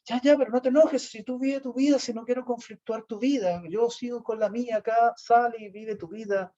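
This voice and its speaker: A man voicing a melodramatic, self-pitying woman in a high, pleading, sing-song voice. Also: fairly even intonation, a little fast, dark tone. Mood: soothing. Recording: dull lo-fi recording.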